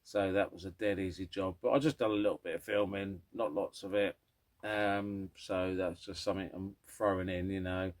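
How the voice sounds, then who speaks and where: Deep voiced bloke, middle aged, grumpy old man type, rambling on casually for his car vlog. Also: steady tone, moderate pace. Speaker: host of a classic car vlog.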